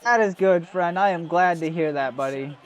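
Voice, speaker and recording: A man's voice: fairly high pitch, normal speed. A young man streaming a football video game, chatting casually with viewers, swearing often and greeting them by name. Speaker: gaming streamer. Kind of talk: casual live gameplay commentary.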